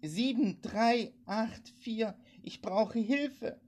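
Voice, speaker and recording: Woman reader doing a terrified woman on the radio, high and frantic, pleading, sobbing, husky. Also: drawn-out words, a little mellow. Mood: desperate. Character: terrified woman calling for help over CB radio.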